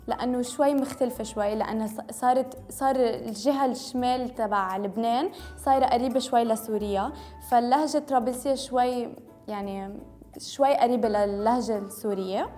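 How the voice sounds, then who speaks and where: Soft music plays under a young woman's slightly high, mellow voice as she talks a little fast. She's a beauty vlogger from Lebanon who grew up speaking French, and her Arabic carries a Tripoli accent with some Syrian Homs flavor. She chats to camera informally, mixing in English and correcting herself as she goes.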